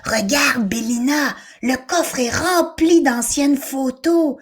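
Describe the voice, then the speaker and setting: A woman voicing a nervous but proud young boy in a storybook reading, speaking in a lower, hushed, hesitant voice. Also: slow pace. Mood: eager.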